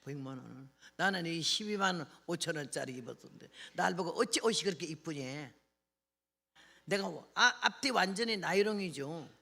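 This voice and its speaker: Older woman preaching, folksy and gravelly. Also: low voice, sharp tone. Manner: folksy storytelling, acting out dialogue. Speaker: missionary preacher. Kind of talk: revival sermon with anecdotes.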